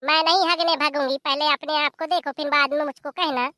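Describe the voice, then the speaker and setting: A performer voicing a stern, sharp-tongued young wife. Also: sits high, steady tone, fairly quick, no echo. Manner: stern, threatening.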